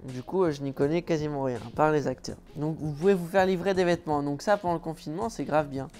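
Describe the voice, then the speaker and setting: A man's voice: on the high side, fast talker, a little mellow, faint music behind. A man from France talking to his viewers at home in a casual, joking, offhand vlog. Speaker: vlogger. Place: at home indoors.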